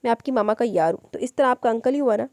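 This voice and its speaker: A woman's voice: fairly high pitch, quick pace, a little mellow, no room sound, clean studio sound, lightly acted. A woman voicing an easygoing young man in an audiobook, talking in a casual, coaxing way.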